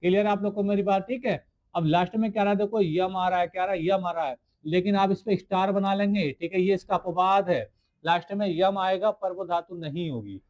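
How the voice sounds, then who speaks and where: Guy teaching a science class on video, kinda high voice, keeps going "what is it kids?" then answering himself, repeats stuff. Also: a little fast, a little mellow. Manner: asks the class questions and answers them himself, repeating key words; writes on the screen while explaining. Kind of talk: video lecture to school students.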